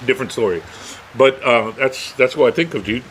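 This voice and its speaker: A man's voice: mid-range voice, a little fast, fairly bright tone, a little hiss or hum. A middle-aged man co-hosting a podcast in casual chat, rambling from topic to topic and swearing freely. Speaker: podcast co-host.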